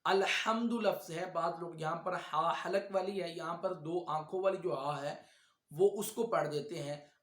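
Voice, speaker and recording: A man teaching Quran recitation, explaining pronunciation quickly, then chanting the verses slowly. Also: on the high side, echoey room. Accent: Urdu. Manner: brisk explanations alternating with slow drawn-out chanted recitation.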